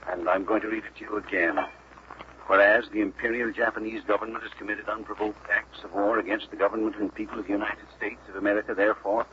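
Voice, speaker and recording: A man reporting live from a legislative chamber and reading a resolution at a measured pace, heard on an old 1940s radio broadcast. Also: lowish voice. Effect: old 1940s radio broadcast sound. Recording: muffled lo-fi archival radio with faint hiss.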